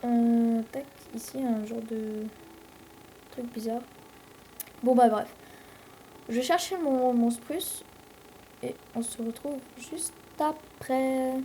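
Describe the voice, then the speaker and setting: Une jeune femme à l'français commente sa partie de jeu vidéo sur un ton décontracté et bavard, avec beaucoup d'hésitations. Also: female voice, fairly high pitch, steady tone, takes it slowly, long pauses, mellow, slight background noise, rough recording. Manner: rambling, chatty, many fillers. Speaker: let's play host. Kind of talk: casual gameplay commentary.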